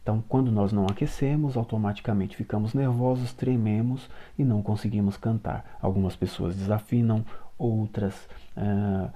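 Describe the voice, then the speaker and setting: A middle-aged man from Brazil gives a relaxed, encouraging voice lesson and speaks straight to his students. His voice sits on the low side with a very dark, mellow tone. He explains each point slowly, one step at a time. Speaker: singing teacher and choir conductor.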